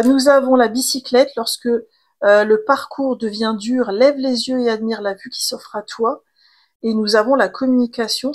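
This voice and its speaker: A woman, giving a casual, chatty tarot card reading with gentle fillers and restarts. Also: a little high. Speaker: tarot reader.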